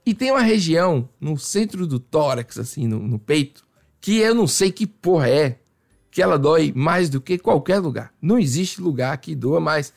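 Guy on a podcast, all over the place pitch-wise, acts out the whole story. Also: normal speed, gravelly. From Salvador, Brazil. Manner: animated, acts out voices and sound effects. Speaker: podcast guest. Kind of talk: casual storytelling.

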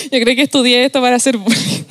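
A young woman with a Chilean accent giving a casual, slangy youth sermon, animated and laughing often. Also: high-pitched, dry recording. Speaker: youth preacher.

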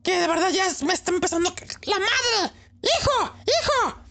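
A woman's voice: very high voice, a little fast, gravelly, fairly bright tone, a little hiss or hum, heavily acted. A woman voicing a strict mother, pleading and scolding in a raised voice. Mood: exasperated. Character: strict, exasperated mother losing her temper. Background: music.

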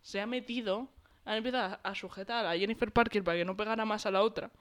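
A woman's voice: mid-range voice, quick pace. Chatty woman telling gossip. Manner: animated gossipy storytelling with many fillers. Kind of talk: casual chat.

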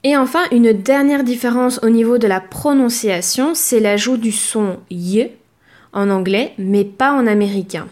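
A woman teaching a language lesson, speaking clearly and measuredly, and slowing down to model words. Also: fairly high pitch, darkish tone. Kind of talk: explaining a lesson.

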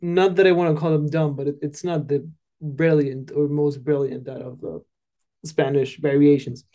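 Man with a slightly high voice, hesitant. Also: level tone, moderate pace, dark tone. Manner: hesitant, restarts often, steers the topic. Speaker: podcast co-host. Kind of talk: casual chat.

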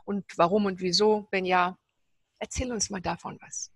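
A woman's voice: mid-range voice, steady tone, moderate pace, slightly rough, dry recording. Woman host asking thoughtful questions. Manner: thoughtful, asks in long reflective runs. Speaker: interviewer, host. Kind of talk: spiritual interview conversation.

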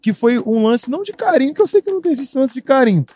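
A man's voice: very high voice, sing-song, fast talker, warm tone, husky. A man co-hosting a casual chat, speaking hesitantly and hedging, with many restarts.

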